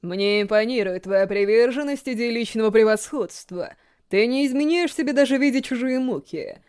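A woman voicing a refined, sinister male ghoul gourmet in a storybook reading, slow and theatrical. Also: fairly high pitch, darkish tone, clean tone, natural voice. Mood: menacing. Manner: slow, savoring, theatrical delivery.

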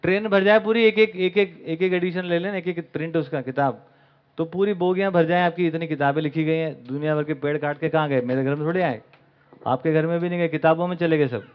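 A man's voice: a little high, steady tone, brisk. Man lecturing a camp audience, lo-fi. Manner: asks the audience rhetorical questions; mixes English words into Hindi speech. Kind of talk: spoken lecture to a live audience. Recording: dull lo-fi recording.

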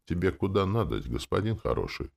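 A man voicing a pushy, cowardly middle-aged male cab driver who haggles loudly and whines in an audiobook. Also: low voice, sing-song, a little fast, vocal fry, pitched above the performer's own voice, exaggerated voice. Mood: wheedling. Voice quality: loud whiny haggling. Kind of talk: audiobook character voice.

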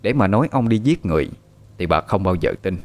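Lower-voiced calm male storyteller. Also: fairly quick. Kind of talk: scripted narration.

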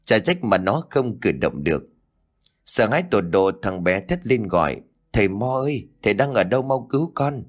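A man narrating a dark horror story as an audiobook, reading in a dramatic, suspenseful way. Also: fairly low pitch.

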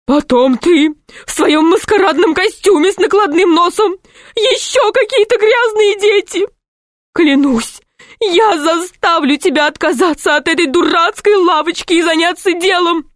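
A woman reading aloud, voicing a bossy middle-aged wife who nags and scolds in high, near-crying outbursts. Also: no echo, clean studio sound.

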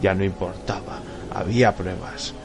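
A low, gravelly male voice narrates a horror audiobook in a measured, suspenseful way. Faint music plays quietly underneath the reading. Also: steady tone. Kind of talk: scripted horror story narration.

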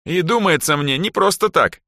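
A man voicing a cheerful, pushy teenage drow girl for a storybook reading, in a bright, bouncy and teasing voice. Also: a little high, animated, normal speed, no room sound, studio quality, voice pushed up.

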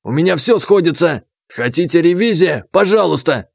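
A man's voice: on the high side, animated, moderate pace, creaky, no echo. A man voicing a pedantic German treasurer who speaks clipped, broken Russian with a German accent. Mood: indignant. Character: fussy German male treasurer, pedantic, shrill when cornered.

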